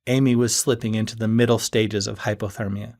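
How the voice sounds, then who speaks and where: A man's voice: lowish voice, little pitch movement, fairly quick, a little mellow. A man reading his own novel aloud as an audiobook, telling the story in an earnest first person. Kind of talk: audiobook narration.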